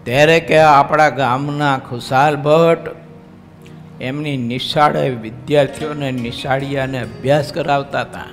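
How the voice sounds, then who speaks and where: A man's voice: medium pitch, steady tone, in a large hall, soft background music. A man with a Gujarati accent, a swami giving a storytelling sermon to an assembly, acting out the cries of the people in his story. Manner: slow, dramatic storytelling that acts out cries and wails of the characters. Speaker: swami giving a religious discourse. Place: large assembly hall.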